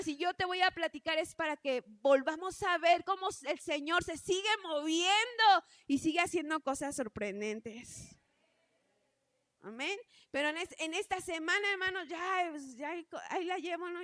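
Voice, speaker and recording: High-voiced woman preaching. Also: a bit bright, no echo, clean studio sound. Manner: earnest, repeatedly calling the congregation brothers. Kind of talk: sermon.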